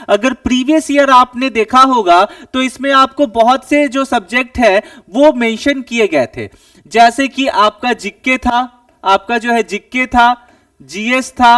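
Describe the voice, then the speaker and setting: A man teaches in an earnest, advising way and keeps putting rhetorical questions to his students. His voice sits very high. He sounds a little distant from the mic, in a dry room with no echo. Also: a bit bright. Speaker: exam coaching teacher. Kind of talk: explaining a recruitment notice to students.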